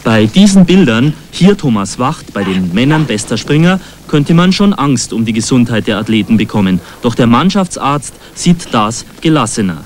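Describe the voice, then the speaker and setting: A man reading the scripted voice-over of a TV sports report in a measured, informative way. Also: mid-range voice, sing-song, a little hiss or hum. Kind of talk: scripted narration. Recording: voice-over with music bed.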